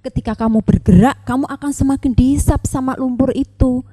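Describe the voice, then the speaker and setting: A woman's voice: high voice, fairly even intonation, fairly quick, dark tone, in a large hall. A woman voicing a kind butterfly that was once a cocoon, in a children's story. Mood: gentle.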